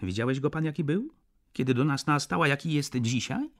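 A man's voice: a little high, expressive, brisk, voice pushed up. A man doing a sly, grumbling clerk. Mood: confiding.

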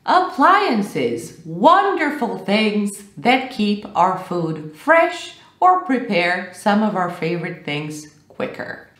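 A woman in her thirties teaching an English vocabulary lesson on camera, animated and gesturing as she explains. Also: medium pitch, roomy sound. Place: small room with bookshelves, indoors.

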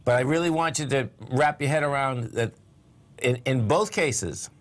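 A man's voice: mid-range voice, moderate pace. An older man hosting a trading show in a studio, talking casually with folksy, enthusiastic repetition. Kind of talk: casual market talk. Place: TV studio at a desk.

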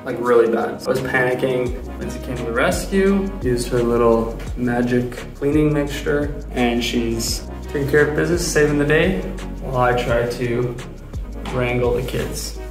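A young man talks upbeat and chatty while filming himself at arm's length. His mid-pitched voice bounces around a bare, echoey basement room, with the roomy sound of an unfinished space. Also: normal speed, music in the background. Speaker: DIY vlogger. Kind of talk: casual vlog narration. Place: basement workshop, indoors. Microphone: handheld camera at arm's length.

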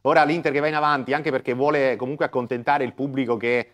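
A man's voice: medium pitch, steady tone, quick pace, a bit bright. A middle-aged Italian man hosting in a TV studio and giving live commentary on a football match.

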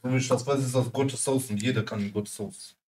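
A man's voice: medium pitch, fairly even intonation, brisk, darkish tone. A man joining a casual group livestream conversation as a guest. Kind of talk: casual chat.

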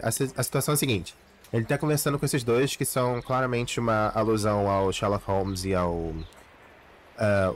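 A man's voice: medium pitch, a little hiss or hum. A man, a gaming channel host giving casual, rambling commentary. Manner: rambling, self-correcting chatter.

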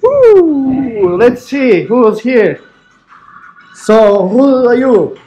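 A man's voice: very high voice, very animated, extremely slow, warm tone, roomy sound, lo-fi sound. A young man hosting a casual vlog tour, filming himself with an action camera and whooping with enthusiasm. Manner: enthusiastic, frequent whoops and laughs. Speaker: vlog host and exchange participant. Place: guesthouse rooms and terraces, indoors and out. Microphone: action camera held at arm's length.

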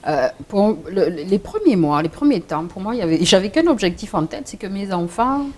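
A middle-aged woman with a French accent, telling her own story in an interview, hesitant with many restarts and quick laughs. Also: medium pitch, sing-song, a little mellow. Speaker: interview guest.

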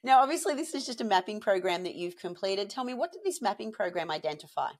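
A woman's voice: medium pitch, animated, fast. A woman hosting a business news interview, asking questions in an upbeat, enthusiastic way. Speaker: host.

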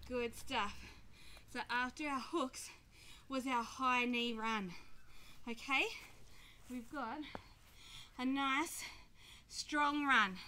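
A woman coaching a kids' workout with short, energetic barked commands and encouragement, puffing a little as she exercises. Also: high voice, drawn-out words, long pauses. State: exerting, puffing while exercising. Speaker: kids' fitness instructor. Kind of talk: leading a workout, calling out instructions. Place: outdoors in a grassy back yard. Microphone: camera microphone from a few metres away. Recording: noisy outdoor camera audio, some clicks.

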